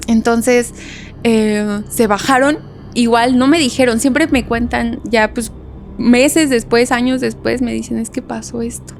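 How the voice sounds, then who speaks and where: Young mexican woman on a podcast, higher voice, lively storytelling, faint hiss behind. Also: measured pace, vocal fry. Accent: Mexican Spanish. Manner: animated, laughs often, acts out voices in quotes. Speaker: podcast guest. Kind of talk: casual storytelling.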